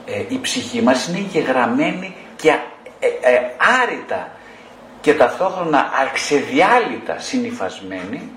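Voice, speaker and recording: A man's voice: medium pitch, roomy sound, a little hiss or hum. A male psychotherapist giving an explanatory lecture, often posing rhetorical questions.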